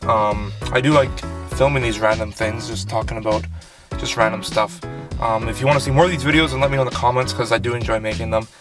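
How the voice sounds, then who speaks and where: With music playing, a young Canadian man speaks fast in a medium-pitched, fairly even voice during his car vlog. It's loose and rambling, thick with ums and restarts, moving from a small car to a snowy parking lot beside a lake.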